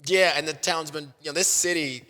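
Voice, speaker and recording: Long reverb surrounds an American man with a bright, forceful, fairly high voice. He talks casually as an interview guest, with an effusive, self-deprecating manner, like a stadium hype man off duty. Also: fairly even intonation, brisk. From Kansas City, United States. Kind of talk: casual chat.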